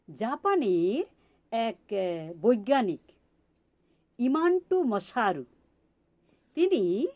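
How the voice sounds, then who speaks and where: A woman's voice: on the high side, a little mellow. A woman giving a spiritual teaching talk on meditation for farmers, repeating her points and asking the listeners rhetorical questions.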